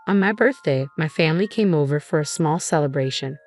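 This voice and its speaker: Young adult woman narrator, low voice, steady dramatic storytelling over faint music. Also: fairly quick. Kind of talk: scripted first-person story narration. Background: faint background music.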